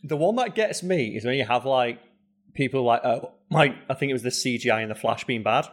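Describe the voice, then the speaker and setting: A man co-hosting a podcast, talking casually in a middle pitch. He is animated and swears freely, and his voice jumps up when he mimics other people. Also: a little fast. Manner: animated, swearing, pitch jumping up in mock quotes. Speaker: podcast co-host. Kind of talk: casual chat.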